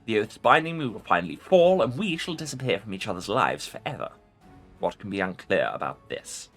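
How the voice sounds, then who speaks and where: A man performs an ancient undead lich from a fantasy game, pompous and scornful. The delivery is forceful and swings widely in pitch as he issues haughty, formal pronouncements, with music underneath. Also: big pitch swings, fairly quick, full character voice. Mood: irritated, haughty. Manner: pompous, imperious formal speech. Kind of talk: dramatic video game role-play reading.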